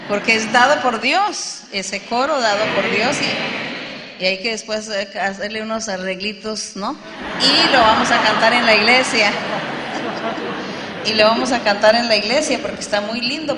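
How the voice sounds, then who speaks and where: A woman's voice: mid-range voice, normal speed, background noise. A woman leading a Bible study and answering questions from the congregation. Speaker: church leader answering questions. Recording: long hall reverb.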